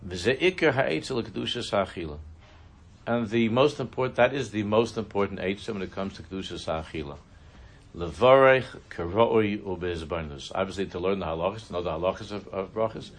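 A man teaching a religious class, telling a story in a halting way, often restarting his sentences. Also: lowish voice. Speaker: Torah teacher.

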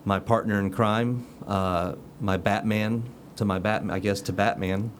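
A man's voice: lowish voice, fairly even intonation, a little slow, slight background noise. A man hosting a casual chat show, joking and rambling with fillers. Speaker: host.

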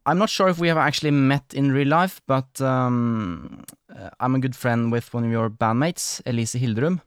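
A man's voice: medium pitch, moderate pace, clear, resonant tone, dry recording, clean studio sound. A man from Norway hosting a podcast interview, talking in a rambling, apologetic way with many fillers. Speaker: podcast host. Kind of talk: casual interview chat.

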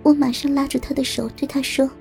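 A woman telling a first-person story in calm, steady narration. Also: high-pitched, fast talker, vocal fry, soft background music.

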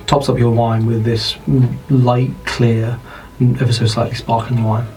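A man's voice: mid-range voice, flat delivery, dark tone, low-quality recording. British man narrating a tabletop game. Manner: unhurried descriptive narration with fillers. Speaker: dungeon master.

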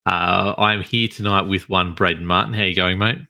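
A man's voice: low voice, fairly even intonation, fairly quick, gravelly, pushed and bright. A tired man hosting a casual podcast and stumbling over his words. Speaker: podcast host.

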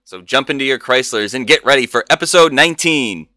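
Bright-voiced man, ringmaster-style podcast host. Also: mid-range voice, a little fast, dry recording, clean studio sound. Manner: ringmaster-style showman announcing. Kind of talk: theatrical scripted podcast introduction.

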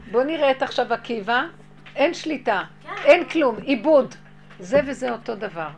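Animated woman telling a story over music. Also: a little high, vocal fry. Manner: animated, laughs often, acts out quotes. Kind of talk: casual storytelling. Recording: loud music behind the voice.

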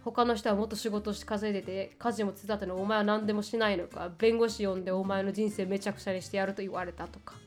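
A woman's voice: medium pitch, steady tone, fast, few pauses, soft background music. A woman co-hosting a casual podcast chat who walks through news stories at length and reads out quotes. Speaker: podcast co-host.

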